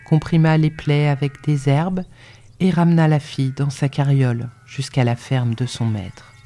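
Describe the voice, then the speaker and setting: A narrator giving an expressive dramatic reading of a literary story. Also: medium pitch.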